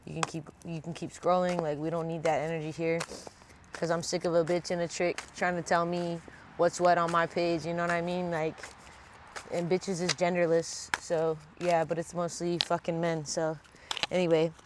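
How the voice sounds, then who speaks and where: Congested from a sinus infection, a tarot reader gives a casual reading at home, speaking in blunt, profane everyday language. Her stuffy mid-range voice has a flat delivery and moderate pace, with background noise in the recording.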